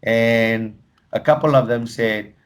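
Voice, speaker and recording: A man's voice: medium pitch, takes it slowly. A man with a Malaysian English accent presenting a workshop, telling humorous anecdotes and slipping in Malay phrases. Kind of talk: lively teaching talk.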